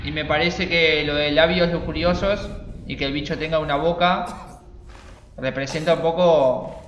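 A young man commenting on his game, excitable and jokey, swearing and taunting the monsters. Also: on the high side, normal speed, roomy sound, dull audio, slight background noise. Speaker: gaming channel host. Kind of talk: let's play commentary.

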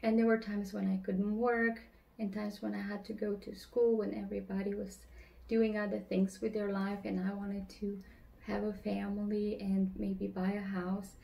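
A woman in her thirties from Romania, telling her personal faith story in an earnest, slightly halting way, seated at a table at home. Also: mid-range voice, little pitch movement, creaky, dull audio. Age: 30s. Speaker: church member giving testimony. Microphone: camera across the table.

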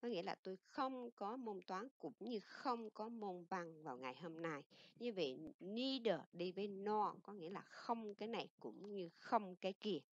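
A middle-aged woman teacher with a Vietnamese accent talks through a grammar lesson, slowing down to read each English example. Her voice sits at a medium pitch. It comes through a dull, lo-fi recording with a dry, close sound. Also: dry recording. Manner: explains in Vietnamese and reads English examples slowly.

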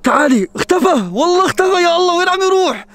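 Levantine man vlogger, very high voice, rapid and panicky delivery. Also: animated, a bit bright. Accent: Levantine Arabic. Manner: frantic, urgent calling out and praying under his breath. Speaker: adventure vlogger. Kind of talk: staged adventure vlog narration.

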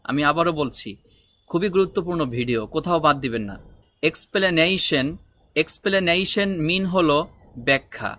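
A man teaching an English vocabulary lesson, saying each word slowly and repeating it, then explaining briskly. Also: on the high side, pushed and bright, no echo.

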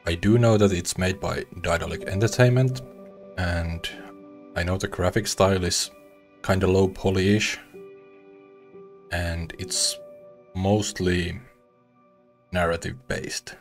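A young Finnish man with a deep, low voice chats casually as he starts a new game, trailing off and restarting his sentences now and then. He talks into a headset mic in a small room at home, with faint game music behind him. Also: slow pace, long pauses. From Finland. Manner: relaxed, chatty, with small restarts. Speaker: gaming streamer. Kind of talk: casual let's-play commentary.

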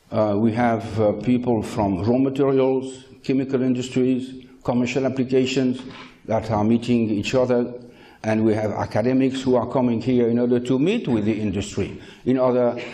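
An older man gives a conference keynote into a handheld mic, speaking in measured phrases with frequent hesitant pauses and blunt opinions. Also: medium pitch, dark tone. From France. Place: lecture hall.

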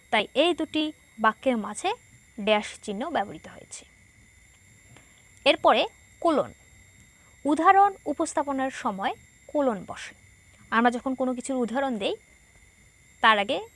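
A woman's voice: a little high, a bit bright. A woman teacher from Bangladesh explaining a textbook lesson, patiently repeating each point and asking herself questions.

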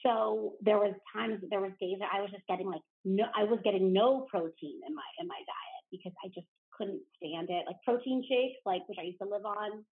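A woman's voice: mid-range voice, moderate pace, few pauses. A woman from New Jersey, a podcast guest chatting casually, talking freely with lots of "like" fillers. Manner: chatty, fills speech with "like". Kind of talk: casual interview chat. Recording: tinny phone-like line.

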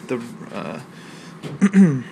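Man, college instructor, gravelly voice, measured explanatory lecture, faint traffic outside. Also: mid-range voice, big pitch swings, dark tone. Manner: measured, explanatory, with thinking pauses and fillers. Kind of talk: recorded literature lecture. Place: outdoors near a library.

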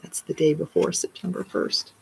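A woman's voice: low voice, little pitch movement, moderate pace, gravelly, a little hiss or hum. A middle-aged woman, a children's librarian, reading a picture book aloud in a live story time and adding explanatory asides.

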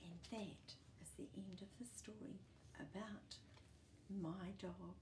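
Set in a small book-filled room indoors, this clip features a children's storytime host in her sixties with a New Zealand accent reading a picture book to young children. Her medium-pitched voice has fairly even intonation and a slow pace, though she reads expressively, with chatty asides and questions. Background noise is audible.

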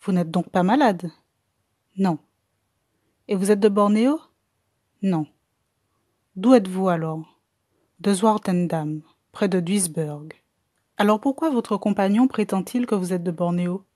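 A woman voices a brisk young hospital intern in an audiobook, doubtful and quick with his questions. The tone is warm and mellow. The sound is dry and close. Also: mid-range voice, no echo, lightly acted. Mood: questioning.

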